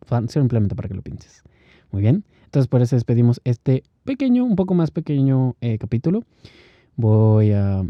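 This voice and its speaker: A man hosts a podcast alone, thinking aloud in a loose, easygoing way and laughing between points. His voice sits at an ordinary middle pitch. The recording is dry and a little muffled, with a lo-fi edge. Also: no echo. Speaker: podcast host. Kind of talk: solo podcast monologue.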